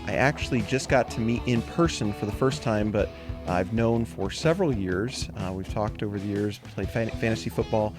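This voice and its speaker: A man's voice: on the low side, moderate pace, over music. A young man hosting a podcast interview, asking loose, friendly questions with fillers. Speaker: podcast host. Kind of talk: casual interview.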